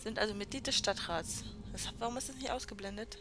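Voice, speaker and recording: A woman's voice: medium pitch, fairly quick, bright, forceful tone, faint music behind. A woman hosting a let's play, chatting sarcastically while reading the game's dialogue aloud. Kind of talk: gameplay commentary.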